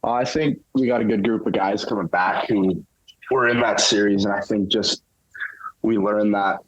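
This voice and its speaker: A young man with a very deep voice gives relaxed, halting answers full of fillers. His audio sounds dull and lo-fi. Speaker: interview guest, hockey player. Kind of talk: casual interview answers.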